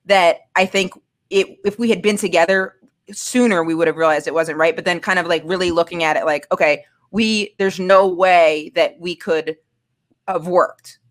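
A woman's voice: on the low side, normal speed. Young woman telling a story animatedly. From Maine. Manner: animated storytelling, acting out quotes. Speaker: guest. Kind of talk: casual podcast conversation.

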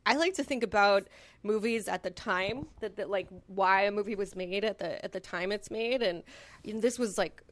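A woman's voice: medium pitch, moderate pace. A woman in a casual podcast chat, thoughtful and analytical, rambling through her points.

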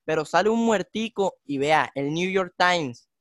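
A young man, telling a street story on a casual podcast in slangy, animated talk. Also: sits high, unhurried, dry recording, studio quality. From Colombia. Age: young adult. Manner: slangy, animated, acts out voices in his stories. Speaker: podcast host.

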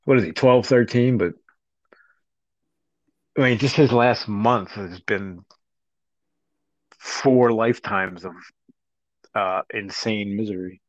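Man, low voice, dull dry lo-fi audio, loose rambling podcast chat. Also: slow, long pauses, dry recording. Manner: casual, rambling, swears freely. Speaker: podcast co-host. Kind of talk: unscripted book discussion.

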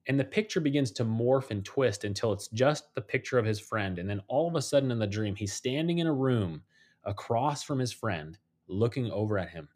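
A man telling supernatural stories in a podcast conversation, animated and acting out the voices of the people in them. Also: mid-range voice, a little fast. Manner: animated storyteller, acts out quoted voices. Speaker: guest.

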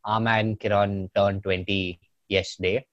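A man's voice: on the low side, level tone, moderate pace, dry recording. Congested young man, dull dry recording. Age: young adult. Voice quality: congested, blocked nose. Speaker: podcast host. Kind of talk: casual podcast chat. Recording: dry, dull lo-fi microphone sound.

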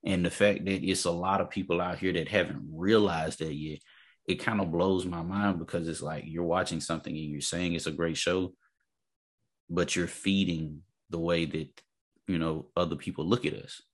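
A man's voice: deep voice, steady tone, moderate pace. A man in a casual, opinionated discussion, speaking emphatically, repeating his points and checking that the listener follows.

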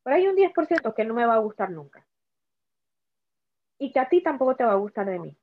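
A woman's voice: a little high, very animated, a little fast, slight background noise. Panamanian woman on a tinny line. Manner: earnest, repeats words often. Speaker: cancer survivor guest. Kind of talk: conversational talk. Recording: tinny phone-like audio.

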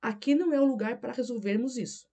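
A woman's voice: on the high side, quick pace, warm tone. A woman reading as a defensive, conflicted wife. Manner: defensive, pleading denials. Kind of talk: audiobook character reading.

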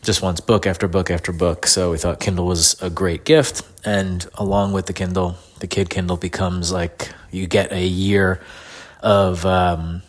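A middle-aged man with a grating voice from a head cold and sore throat, casually ranting in an informal, frustrated way as a solo podcast host. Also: low voice. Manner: informal, frustrated complaining with swearing. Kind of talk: casual solo rant, diary-like.

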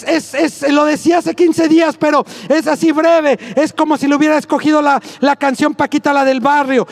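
A man with a very high, gravelly voice delivers a sermon as pastor. He slips into playful asides, then drives his points home with repetition and shouting. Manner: jokey asides, then repeated shouted emphasis.

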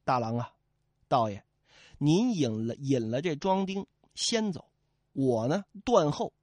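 A man's voice: on the high side, animated, unhurried, a little mellow, no echo, pitched below the performer's own voice. A man voicing a male outlaw chief on the run, flustered and pleading. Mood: urgent.

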